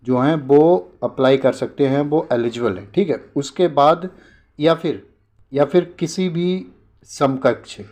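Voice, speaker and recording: The host of an exam updates channel presents an informal news explainer in a medium-pitched, darkish voice. He repeats his points and poses short questions that he then answers himself.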